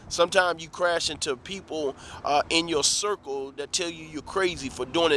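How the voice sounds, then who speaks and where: A man's voice: fairly high pitch, bright, forceful tone, a little hiss or hum. A man giving a preachy motivational talk to camera, full of rhetorical questions and repeated calls of "let me tell you something.". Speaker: motivational vlogger.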